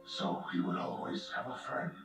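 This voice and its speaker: An actor playing a hungry, savage wolf spirit of death in a game, terse and menacing, with a gravelly, breathy voice. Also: moderate pace, close to an everyday voice. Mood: curious, brooding. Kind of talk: scripted game character voice lines. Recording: heavily echoing, distant playback over music.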